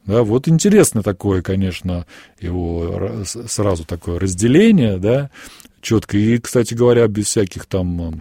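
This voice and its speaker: A man talks as a priest in a radio discussion. His voice is deep, dark and gravelly, with a husky edge. His delivery is measured and reflective, and he pauses often to think. The studio sound is close and dry. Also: lively intonation, no room sound. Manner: measured, thoughtful, many pauses and fillers. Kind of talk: radio discussion of church writings.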